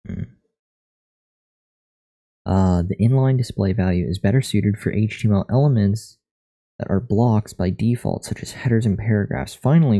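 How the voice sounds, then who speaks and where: Deep gravelly male streamer. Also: warm tone. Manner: reads lesson text aloud with joking asides. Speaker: streamer learning to code. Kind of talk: casual live-stream commentary.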